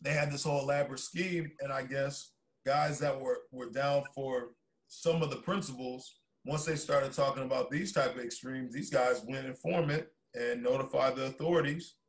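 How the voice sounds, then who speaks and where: A man co-hosting a casual podcast chat over a video call, telling stories in an excitable, slangy way. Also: medium pitch, normal speed. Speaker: podcast co-host.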